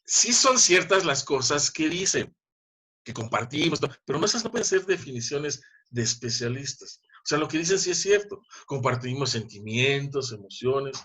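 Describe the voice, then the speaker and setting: This middle-aged Mexican Spanish-accented lecturer gives an online university class over video call in a medium-pitched, animated voice that is pushed, bright and slightly rough. At a moderate pace, he talks conversationally and emphatically, leaning on rhetorical questions.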